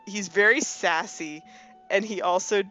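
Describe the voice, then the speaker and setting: Faint music plays behind a co-host in her twenties who talks about a game in a chatty way, frequently correcting herself and starting her sentences over. She speaks unhurriedly in a bright, forceful, medium-pitched voice.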